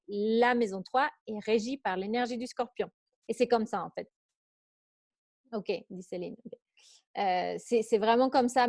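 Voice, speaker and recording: A woman's voice: on the high side, a little mellow, no room sound, clean studio sound. A woman with an accent teaching an online astrology workshop. She talks in a chatty way, reads out questions from participants and laughs easily. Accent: foreign accent. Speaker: astrology coach.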